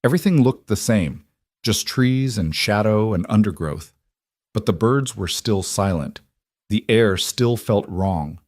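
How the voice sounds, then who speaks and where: A man narrating a scripted story in an even, measured way. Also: fairly low pitch, no room sound, studio quality.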